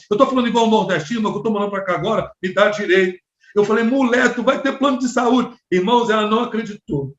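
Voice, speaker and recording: A middle-aged man with a Rio de Janeiro accent preaching a storytelling sermon as pastor, animated and acting out the people he quotes. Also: high-pitched. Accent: Rio de Janeiro Portuguese. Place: church hall. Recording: echoey church, slightly dull sound.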